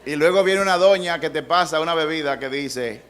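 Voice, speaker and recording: A middle-aged pastor delivers a sermon in a conversational, storytelling way, acting out what people say and mixing in humor. His voice sits somewhat high for a man. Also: fairly quick, a bit bright. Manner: conversational preaching with acted-out quotes and humor.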